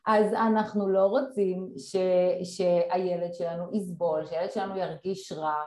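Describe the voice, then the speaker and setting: A woman speaking as a guest expert in a conversation, explaining things in a measured way with frequent fillers. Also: on the low side, steady tone, a little mellow. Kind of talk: casual conversation. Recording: roomy echo.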